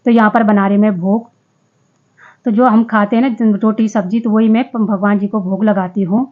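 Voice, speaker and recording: A woman's voice: mid-range voice, fairly even intonation, moderate pace, phone-quality sound. A woman vlogger narrating her day in a casual voice-over, chatty, often restarting and correcting herself.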